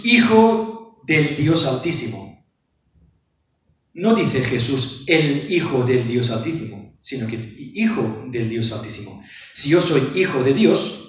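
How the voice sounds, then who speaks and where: A man's voice: a little high, recorded from a distance. A man giving a lecture on scripture. He reads verses aloud and explains them with rhetorical questions. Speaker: book presenter. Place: lecture room. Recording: very echoey hall, voice from afar.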